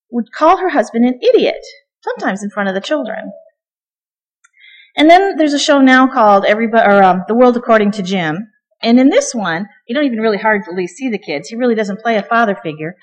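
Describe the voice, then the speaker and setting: A middle-aged woman gives a relaxed, chatty sermon in a church sanctuary. Her voice sits fairly high, and the hall carries a long reverb. She drops in jokes and little asides, with plenty of ums. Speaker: guest preacher. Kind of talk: conversational sermon.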